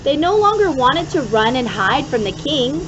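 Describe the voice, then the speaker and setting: Reading a children's story aloud, a woman with a fairly high voice sounds expressive and deliberate, stressing key words. The recording is somewhat dull and lo-fi, and noise is clearly audible behind her.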